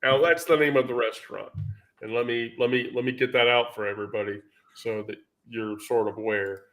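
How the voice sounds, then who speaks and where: A man's voice: medium pitch, fairly even intonation, brisk, a bit bright. A man vlogging in casual storytelling mode, rambling and profane, with many fillers.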